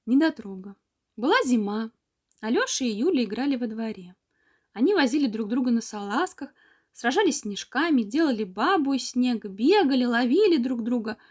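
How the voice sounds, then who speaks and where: A woman reading an old children's story aloud in a measured, expressive storytelling manner. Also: a little high. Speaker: narrator.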